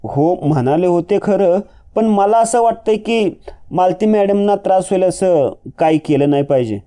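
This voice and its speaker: A man voicing a gentle worried young woman. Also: high voice, lively intonation, normal speed, pitched above the performer's own voice. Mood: worried, hesitant. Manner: hesitant, soft-spoken.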